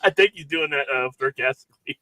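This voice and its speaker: A man co-hosting a podcast in casual chat, animated and emphatic, often repeating words as he talks. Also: on the high side, normal speed, dry recording, rough recording. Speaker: podcast co-host.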